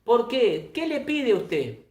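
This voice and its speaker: A man's voice: very animated, slow pace, reverberant. A man preaching a sermon, emphatic, often repeating and restarting phrases. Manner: emphatic, with sudden rises in pitch and loudness. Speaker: pastor.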